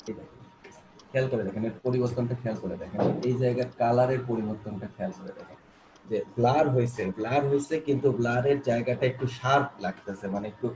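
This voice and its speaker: Fast-talking man teaching design software. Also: medium pitch, background noise. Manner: repetitive, coaxing, many fillers and restarts. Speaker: graphic design instructor. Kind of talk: screen-recorded software tutorial.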